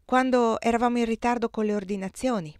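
A woman voicing a timid, fragile young female workshop clerk with a small, soft voice, hesitant but quietly firm. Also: fairly high pitch, fairly even intonation, fast, no echo, clean studio sound, pitched above the performer's own voice, natural voice.

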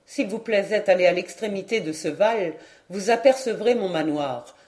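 A woman's voice: medium pitch, moderate pace, darkish tone, lightly acted. Woman reading a proud boastful knight. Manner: proud, courtly.

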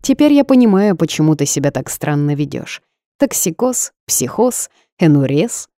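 A woman voicing a brash, bossy young woman who is a pushy friend, speaking loudly and emphatically. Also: low voice, sing-song, moderate pace, dry recording, studio quality. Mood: indignant. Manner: loud, emphatic, commanding.

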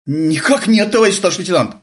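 A man voicing a flustered, excitable young army sergeant who blurts and yelps his lines in an audiobook. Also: quick pace. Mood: reporting. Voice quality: shrill, blurting, agitated. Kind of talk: audiobook character voice.

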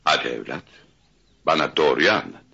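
A wise elderly sage with an extremely deep, gravelly voice that carries a sharp, bright edge. He speaks slowly and soothingly, with unhurried authority. The sound is muffled, like an old archival radio play. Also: lively intonation, a little hiss or hum, full character voice. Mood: calm probing. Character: wise elderly male spiritual guide, calm and commanding. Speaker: radio drama actor. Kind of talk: 1970s-style Turkish radio theatre acting.

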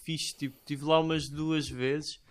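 A man's voice: on the high side, little pitch movement, measured pace. A young man in a casual chat, enthusiastic and full of slang and filler words. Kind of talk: casual chat among friends.

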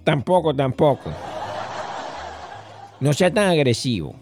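A man putting on a high, giggling voice for mocking asides to himself. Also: big pitch swings, slow pace, over music, full character voice. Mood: teasing.

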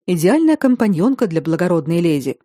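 A woman reading a novel aloud in scripted narration, with an even, composed delivery. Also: on the low side, a little fast, no room sound, clean studio sound. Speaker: audiobook narrator.

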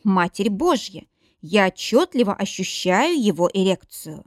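A young woman reading a first-person story aloud in an expressive, dramatic way. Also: medium pitch, unhurried, no echo, clean studio sound. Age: young adult.

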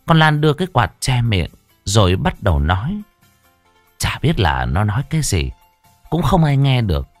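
A low-pitched male storyteller narrating with a lively, swooping delivery. The voice is close and dry, with faint music playing behind. He shapes each line dramatically. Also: no room sound. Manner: dramatic, varied delivery, voicing the characters.

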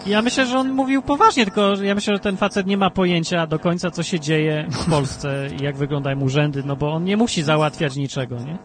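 A male talk radio host chatting about politics in an animated, rambling way, with emphatic bursts and frequent restarts. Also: brisk, few pauses. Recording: low-bitrate talk radio stream with faint music.

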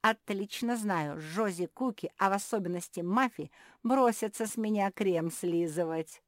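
A woman's voice: medium pitch, a little slow, no echo, studio quality, pitched above the performer's own voice, natural voice. A woman voicing a cheerful female dog seamstress who chatters eagerly about sweets in a storybook. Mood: chatty.

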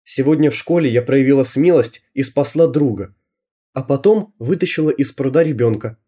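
A man narrating an audiobook in a lively storytelling manner. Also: mid-range voice, normal speed, slightly rough. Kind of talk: scripted narration.

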